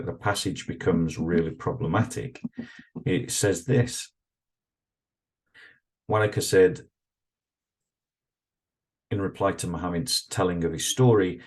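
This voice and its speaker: This native English speaker has a deep, slightly mellow voice. He works through read-aloud passages with solo reflective commentary, pausing often, using fillers, and restarting his thoughts.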